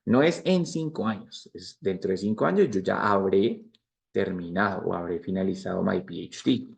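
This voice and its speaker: A man's voice: deep voice, a little fast, vocal fry. A man in his forties with a Spanish accent, teaching an English grammar lesson and explaining each structure patiently, step by step, with repeated examples. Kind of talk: bilingual grammar lecture.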